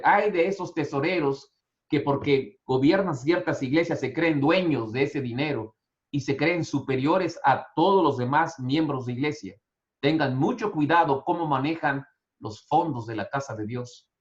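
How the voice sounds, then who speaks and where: Male pastor, sermon delivery, emphatic rises and soft drops, somewhat high pitch, muffled recording. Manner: emphatic preaching with rising bursts and soft drops. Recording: dull, muffled lo-fi audio.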